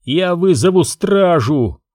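A man's voice: high-pitched, expressive, unhurried, no echo, clean studio sound, pitched above the performer's own voice. Man doing a furious young prince. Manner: heated, accusing, shouting. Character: proud angry young prince, quick to accuse.

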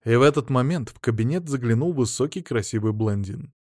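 A man reading an audiobook aloud in an ironic, lively storytelling manner. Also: medium pitch, brisk, dry recording, studio quality. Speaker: audiobook narrator. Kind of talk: audiobook narration with acted dialogue.

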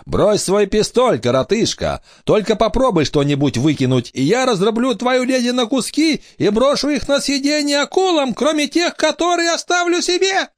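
A man voicing a cruel pirate captain with a high, squeaky voice and a menacing, gloating way of talking. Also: sing-song, normal speed, hardly any pauses, no room sound, studio quality. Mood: threatening.

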